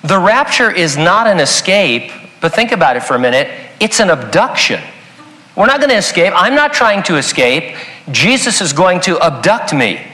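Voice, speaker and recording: A man giving a sermon as pastor, talking in a conversational, emphatic way with quick asides. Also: high voice, big pitch swings, bright, forceful tone. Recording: long hall reverb.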